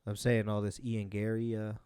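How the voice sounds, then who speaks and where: A man's voice: fairly low pitch, monotone, normal speed, a crowd in the background. A young man co-hosting a podcast, chatting casually about fights in a rambling way, full of fillers and restarts. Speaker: podcast co-host.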